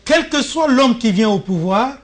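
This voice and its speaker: Journalist guy, slow careful political talk, formal, stumbles a little at the start of points. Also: very high-pitched, lively intonation. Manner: deliberate, formal, with small stammers. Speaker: journalist and panel guest. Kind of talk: measured political commentary.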